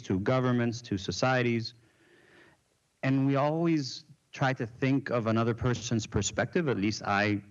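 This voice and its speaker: A man speaking as a diplomat, formally addressing a guest in a deliberate, emphatic way that repeats phrases for weight. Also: mid-range voice. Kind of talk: formal congratulations and question to a guest. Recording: dull lo-fi sound.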